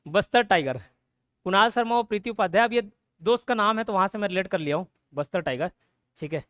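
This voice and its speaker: A man runs a mnemonic exam prep lesson in a high, clear, smooth voice. The sound is close and dry, with no room echo. He drills each point, quizzes the class, and keeps checking in. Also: fast, a bit bright. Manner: repeats points, asks the class quiz questions, says "theek hai" often. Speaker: exam coaching teacher.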